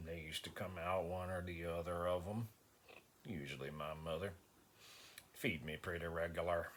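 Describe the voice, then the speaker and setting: Performing as a stoic, slow-witted country man with a Southern US accent, a low-voiced man delivers a halting, deadpan monologue punctuated by grunted hums. He sounds like he's stoically reminiscing, and there's a little background noise.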